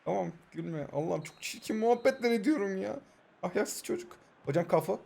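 A young man from Turkey with a high, light voice, chatting as he plays a mobile football game. His banter is joking and self-mocking. When a move builds up he switches to fast, excited play-by-play. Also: vocal fry. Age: 20s. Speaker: mobile football gaming YouTuber. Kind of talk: live gameplay commentary.

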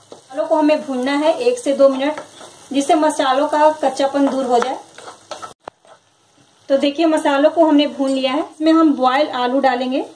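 A woman with a high-pitched voice narrates a home recipe one step at a time. She sounds calm and instructive and repeats each step. There is faint background noise over the kitchen sounds. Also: poor audio. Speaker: cooking channel host.

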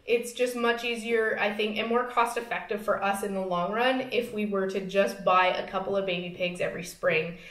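A woman's voice: mid-range voice, steady tone, normal speed, hardly any pauses, a bit bright, far from the mic. Woman co-host in an echoey kitchen. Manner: agreeable, chimes in and finishes his points. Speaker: homestead channel co-host. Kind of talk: casual chat. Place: home kitchen, indoors. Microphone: camera across the table. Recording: echoey kitchen, a bit off-mic.

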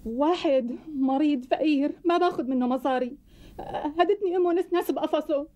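An actress playing a flustered young doctor who talks in a fretful, pleading way with a Syrian Arabic accent in a TV sitcom. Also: female voice, high voice, fairly quick, mellow, lo-fi sound, lightly acted. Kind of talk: TV sitcom acting.

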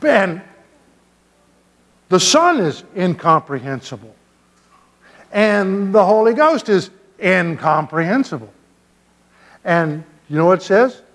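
An older man, a pastor giving a children's sermon in a church sanctuary, gently and playfully asking the kids questions. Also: high-pitched, big pitch swings, slow pace, pauses often. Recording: long church reverb.

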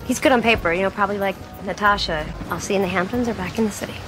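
A woman's voice: medium pitch, very fast, natural voice. An actress playing an anxious, emotional woman in her thirties who pleads and vents at her partner, in a film clip. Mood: flustered. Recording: film clip with music underneath.

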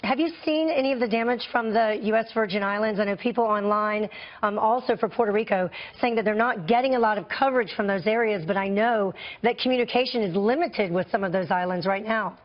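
An American woman in her thirties anchoring breaking news from a TV studio, speaking in a brisk news delivery. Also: mid-range voice, lo-fi sound.

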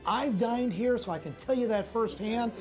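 A man's voice: very high-pitched, normal speed, over music. A young man reporting restaurant inspection scores on location for local TV news, upbeat and pushing for answers. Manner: upbeat, confronting.

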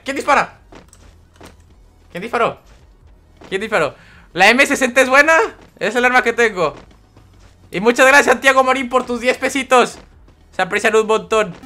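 A young man talks through a live game stream, greeting viewers by name and reading their chat out as he plays. His voice sits high and bright, light and forward. He keeps up a loose, friendly patter. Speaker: gaming streamer.

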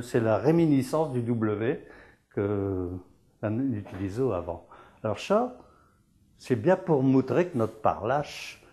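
A man gives a televised dialect lesson at an unhurried, deliberate pace. He explains each word patiently, repeats it, and asks and answers his own questions in a didactic way. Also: mid-range voice, mellow. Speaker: dialect teacher.

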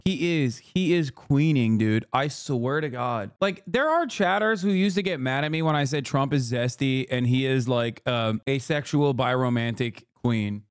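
A man in his thirties talks over a live stream, his voice a touch high and his delivery brash, sarcastic and full of profanity. He sits right up on a studio microphone, so the sound is close and dry, with no room echo around it. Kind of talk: casual live-stream commentary. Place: small room full of shelves and collectibles. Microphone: large studio mic close in front.

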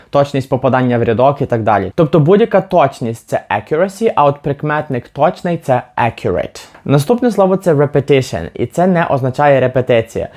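A man explaining English words to viewers in a patient teaching manner, slowing down to say example phrases. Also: mid-range voice, a little mellow.

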